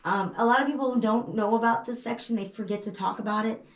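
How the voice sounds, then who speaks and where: A woman's voice: fairly high pitch, fast. A woman from Texas working as an echoing cave guide, giving a casual, enthusiastic tour with folksy, informal speech inside a cavern. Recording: echoing cave, distant mic, noisy.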